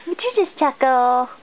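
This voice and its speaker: High sing-song mother in baby talk. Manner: sing-song, doting, slow and coaxing. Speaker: mother talking to her baby. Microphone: phone camera. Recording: tinny phone-like sound with faint noise.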